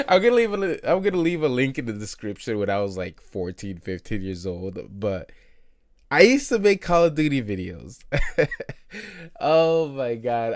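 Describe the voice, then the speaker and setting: A man in his early twenties hosts an unscripted solo podcast late at night, rambling, running himself down and swearing amid plenty of fillers and laughter. His voice is medium-pitched and clean.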